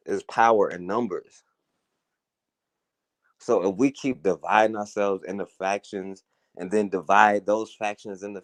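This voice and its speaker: Speaking in a low-leaning voice, a talk radio host delivers earnest, conversational commentary on his own, often tossing in "you know" and "right?" to reach his listeners. The recording is close and dry, with no room sound.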